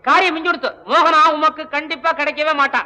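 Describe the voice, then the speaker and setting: Sly sarcastic schemer, very high bright voice, rapid talk, reverberant old film. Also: male voice, steady tone, exaggerated voice. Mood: smug. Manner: quick, wheedling, sarcastic. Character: sly fast-talking male schemer, mocking.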